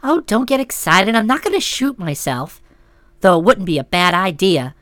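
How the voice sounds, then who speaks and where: A woman's voice: mid-range voice, very animated, normal speed, a bit bright, no echo, voice pushed down. A woman voicing a blunt, solid young woman with a dry, matter-of-fact manner in an audiobook. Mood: brusque. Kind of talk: audiobook character voice.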